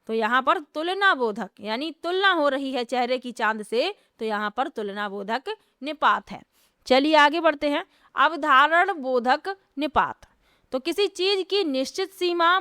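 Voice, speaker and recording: A woman teacher with a high, bright voice takes her students through a grammar lesson for an exam. She explains each point step by step and keeps asking rhetorical questions, which she then answers herself. The recording is dry and close, with no room echo.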